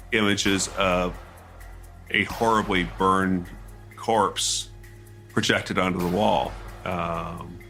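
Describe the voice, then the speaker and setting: A man reporting from a courtroom trial, answering questions in a hesitant, halting way with many restarts. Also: low-pitched, creaky, bright, forceful tone. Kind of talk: interview answers.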